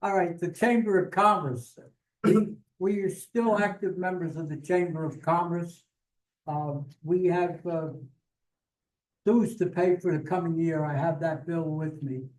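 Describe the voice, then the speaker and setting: A man with an American accent delivers a vice commander's report, halting now and then with fillers. His voice sits high but mellow in tone. He is picked up from far off in an echoey meeting hall. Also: fairly even intonation.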